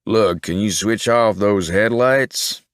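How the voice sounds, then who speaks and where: A man voicing a slow, heavy-set rural nephew who talks in a drawling, deferential way. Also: lowish voice, dry recording, studio quality, voice pushed up. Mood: meek.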